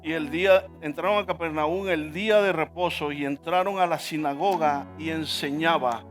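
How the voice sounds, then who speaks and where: A man's voice: on the high side, steady tone, normal speed, faint music behind. A male pastor preaching a sermon in church, emphatic, often asking the congregation to repeat words after him.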